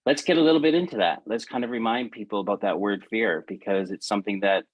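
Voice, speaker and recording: A man in his fifties co-hosting a reflective podcast, his voice on the low side. He speaks earnestly, halting and repeating words as he works through his thoughts. The recording is close and dry, with little room sound. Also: breathy edge, dry recording, highs cut off. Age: 50s. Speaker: podcast co-host. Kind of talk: reflective casual chat.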